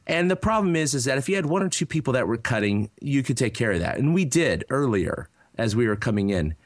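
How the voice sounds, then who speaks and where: A man in his thirties tells a long rambling story in a casual podcast chat, his pitch swinging up and down as he goes. He stumbles through fillers and restarts. The sound is close and dry, with no room around it. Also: very animated, fairly quick, dry recording. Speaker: podcast co-host.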